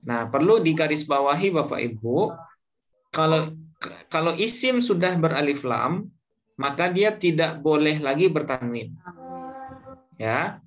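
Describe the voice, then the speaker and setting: Male Arabic grammar teacher, very slow and patient, slightly raised pitch, dull lo-fi recording. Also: animated. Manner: patient, repeats points and lets students finish his words. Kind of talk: slow classroom lesson. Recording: dull lo-fi recording, faint noise.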